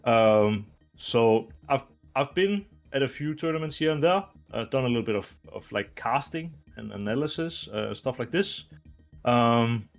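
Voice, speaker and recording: Danish-raised man in his twenties, relaxed. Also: mid-range voice, unhurried, gravelly, faint music behind. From Denmark. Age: 20s. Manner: relaxed, rambling answers full of fillers and laughs. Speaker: interview guest, retired esports player. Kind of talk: casual video interview.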